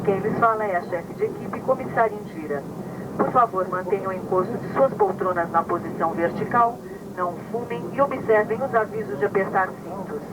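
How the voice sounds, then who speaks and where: A flight attendant, a woman, making a formal plane cabin announcement to passengers in a measured tone, recorded inside an aircraft cabin. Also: medium pitch. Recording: archival onboard recording with loud engine noise. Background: loud aircraft engine roar.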